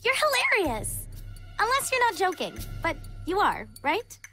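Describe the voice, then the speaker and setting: A woman's voice: very high voice, wildly swooping pitch, measured pace, full character voice. An actress playing a sweet, earnest teenage girl contestant in a cartoon. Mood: awkwardly friendly. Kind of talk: cartoon voice acting. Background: loud music.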